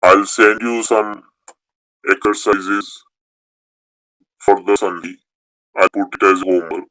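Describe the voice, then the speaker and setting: A man's voice: lowish voice, fairly even intonation, slow pace, bright, forceful tone, no echo, poor audio. A man teaching a beginners' Sanskrit class, explaining rules step by step and repeating key points. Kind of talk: online class lecture.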